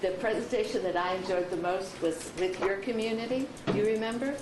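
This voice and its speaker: A woman's voice: medium pitch, brisk. A woman hosting a seminar, introducing the guest speaker with a friendly anecdote. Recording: echoey room, noisy ambience.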